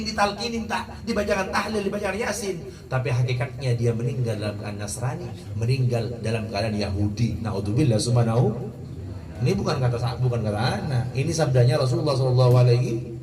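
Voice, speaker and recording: Lively preacher in an echoing hall. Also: male voice, a little high, far from the mic. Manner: lively, asks the crowd questions, acts out quoted people. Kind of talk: Islamic sermon. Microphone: wireless mic. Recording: echoey crowd room, voice from afar.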